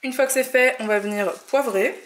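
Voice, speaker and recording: Higher-voiced woman narrating a recipe. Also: brisk. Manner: friendly, explanatory, gives tips. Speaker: cooking channel host. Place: home kitchen. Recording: roomy echo, faint noise.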